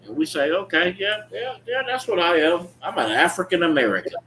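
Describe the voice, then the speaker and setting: A preacher leading a scripture teaching explains the text emphatically in a street-preaching style sermon with call-and-response reading, repeating phrases and checking in with listeners. His high voice is animated, bright, forceful, and a little fast. The recording is clearly noisy with ambient background sound.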